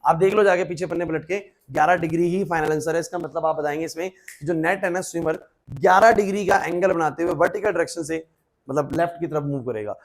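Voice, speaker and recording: Speaking quickly in a high voice, a man lectures a physics class, firing questions at students, calling them by name and repeatedly urging them to focus.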